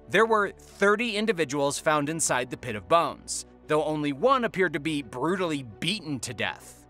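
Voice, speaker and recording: Bright, lively male countdown narrator. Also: a little high. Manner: dramatic, teasing rhetorical questions. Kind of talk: scripted documentary narration.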